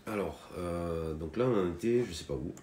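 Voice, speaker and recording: A man from France with a low voice and lively intonation runs a casual live guitar lesson at normal speed. He stumbles through fillers and restarts, welcomes viewers by name, and the roomy recording carries his guitar playing.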